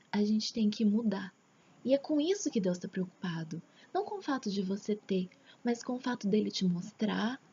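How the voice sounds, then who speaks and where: A woman with a Brazilian accent gives a casual, earnest religious testimony at home, often dropping into a hushed near-whisper. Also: fairly high pitch. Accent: Brazilian Portuguese. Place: at home, father talking in the background. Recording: dull lo-fi home recording with faint background noise.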